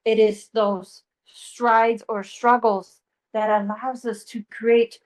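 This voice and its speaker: A woman channeling an ancient male sage spirit, speaking slowly with humming pauses and casual swearing. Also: a little high, poor audio. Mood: serene. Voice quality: slow, pausing, humming "mm" between phrases. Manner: calm, teasing, swears casually. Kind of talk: channeling session.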